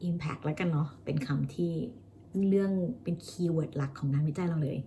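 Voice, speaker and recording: A woman English teacher with a Thai accent, chatting casually about her practice and slowly drilling English words over and over. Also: deep voice, warm tone, a little hiss or hum. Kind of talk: casual vlog-style pronunciation lesson.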